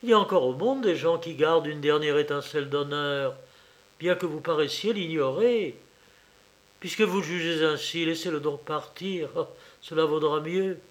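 A man's voice: a little high, normal speed, natural voice. A man reading an audiobook, voicing a bold, self-assured maidservant who scolds her mistress. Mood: scolding. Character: bold, reproachful female servant.

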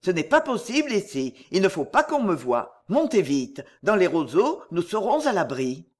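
A reader voicing a smooth-talking male abductor in a storybook, calm and coaxing. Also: medium pitch, normal speed. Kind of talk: storybook reading.

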